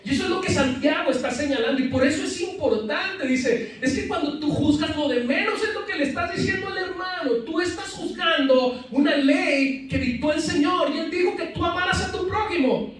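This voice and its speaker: Male pastor, high voice, sermon with call-and-response questions and light jokes, heard from afar in a very reverberant church. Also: normal speed, fairly bright tone. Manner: preaches with frequent questions to the congregation, playful asides. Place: church sanctuary. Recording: very echoey church hall, mic at a distance.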